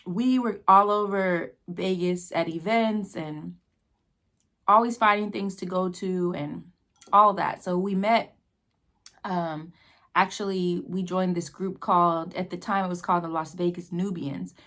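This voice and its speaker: An American woman telling a casual, rambling personal story with halting pauses, talking between bites with her mouth sometimes full. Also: fairly low pitch, fairly even intonation, a bit bright. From New Mexico, United States. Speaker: vlogger telling a personal story while eating.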